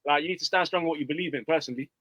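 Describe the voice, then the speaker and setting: A man's voice: on the high side, racing, bright, forceful tone, slight background noise, rough recording. A young man, a music group member joking and teasing in casual interview banter. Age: young adult. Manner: jokey, teasing, boastful.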